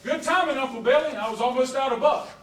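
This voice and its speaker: A man's voice: extremely high pitch, quick pace, a little hiss or hum. A man acting an eager, restless young traveler in a community theatre musical, recorded from far off on stage. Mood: amused. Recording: distant echoey stage recording, loud music.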